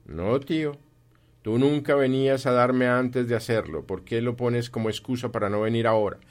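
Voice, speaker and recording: A man voicing a cheerful, warm-hearted young nephew in an audiobook, talking earnestly and pleadingly. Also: mid-range voice, fairly even intonation, normal speed, voice pushed up, natural voice. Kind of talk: audiobook reading.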